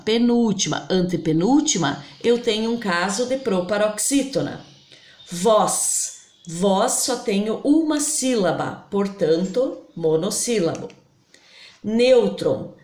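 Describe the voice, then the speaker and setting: A woman teaching a grammar lesson, slowly spelling out example words syllable by syllable. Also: medium pitch, darkish tone. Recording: roomy echo.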